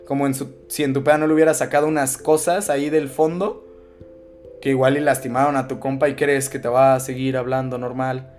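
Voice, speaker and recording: Young Mexican podcast host, blunt and preachy, slang-heavy, light music bed underneath. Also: male voice, mid-range voice, level tone, a little fast, darkish tone. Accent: Mexican Spanish. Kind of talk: casual podcast chat.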